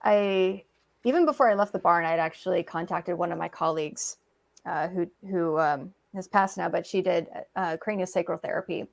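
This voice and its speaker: A woman's voice: fairly low pitch, normal speed, vocal fry. A woman guest, an author, telling her story in a casual interview, chatty with many fillers and acted-out quotes.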